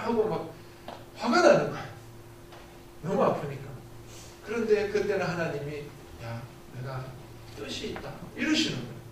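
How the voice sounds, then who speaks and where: High-voiced man preaching in an echoing church. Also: a little hiss or hum. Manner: earnest testimony with rhetorical questions to the congregation. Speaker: missionary preacher. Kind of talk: sermon. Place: church sanctuary. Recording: very echoey church hall, distant.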